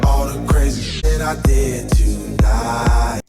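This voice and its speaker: A woman's rapped vocal from a song, played back with a tape stop effect that slows it down as the track halts. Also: gravelly, warm tone, husky, no echo, clean studio sound, soft background music. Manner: repeated rapped hook. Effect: tape stop slowdown, pitch dragging down as the track halts. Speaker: rapper on a song being edited. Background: hip hop beat.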